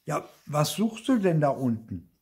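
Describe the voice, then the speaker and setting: An older man reading aloud, voicing an excitable, insistent little girl in a storybook. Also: unhurried. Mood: wondering. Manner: shrill, wide-eyed and insistent.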